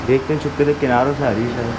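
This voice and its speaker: A young man from Pakistan with a Karachi Urdu accent, vlogging at home in a chatty, excitable, teasing way. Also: mid-range voice, rapid-fire, noisy background. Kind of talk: casual home vlog. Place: family home indoors.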